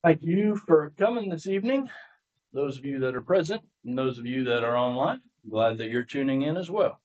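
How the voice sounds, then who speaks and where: An easygoing man runs a small-town council meeting in plain, folksy words. His voice sits at a middle pitch. The livestream audio is muffled and dull. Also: lively intonation, normal speed, a little mellow. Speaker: council president chairing meeting. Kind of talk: casual meeting chair talk. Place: town hall meeting room.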